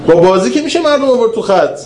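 A man gives a religious lecture in a high-pitched voice, telling stories with animation. He moves from raised to hushed delivery. The recording sounds roomy, like a hall, with faint ambience behind him. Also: a little hiss or hum. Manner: animated storytelling, swings between raised and hushed. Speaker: preacher.

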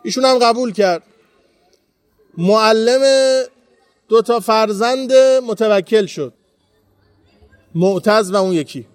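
A man with a high voice gives a devotional talk to pilgrims at a shrine. He tells his stories earnestly and from the heart, and the sound is close and dry, with little room echo. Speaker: pilgrimage preacher.

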